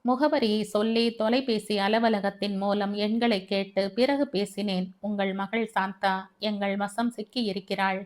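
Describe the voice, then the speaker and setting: A woman voicing a young man in a kidnapping gang, reporting bluntly and quickly. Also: mid-range voice, steady tone, natural voice. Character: young mustached male kidnapper, blunt and rough.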